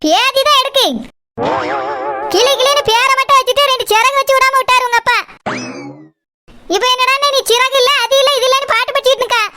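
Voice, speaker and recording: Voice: very high-pitched, steady tone, brisk, pauses often, heavy background noise. A performer voicing a bossy, teasing village woman who owns a shop, in a cartoon. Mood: scolding. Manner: teasing, scolding, blunt. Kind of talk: cartoon voice acting.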